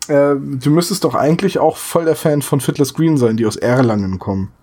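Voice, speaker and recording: A man's voice: mid-range voice, fairly quick, mellow, husky. A man chatting casually as a podcast co-host, telling stories with amusement. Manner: chatty storyteller, retells jokes with amusement. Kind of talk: casual chat.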